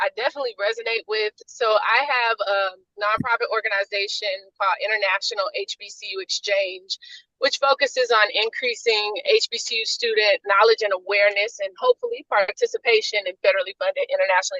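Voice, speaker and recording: A woman's voice: fairly high pitch, sharp tone, dry recording. A woman speaking on a car speakerphone while she drives, offering earnest comments with frequent ums in an online meeting. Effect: car speakerphone call. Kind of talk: casual spoken comments in a video call. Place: inside a car while driving. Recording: dull lo-fi phone audio from a car.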